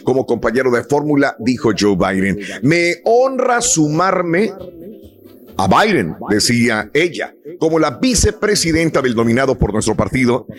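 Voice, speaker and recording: A man's voice: mid-range voice, very animated, normal speed. A man with a Mexican accent hosting a radio show in a conversational, emphatic way, repeating phrases for stress.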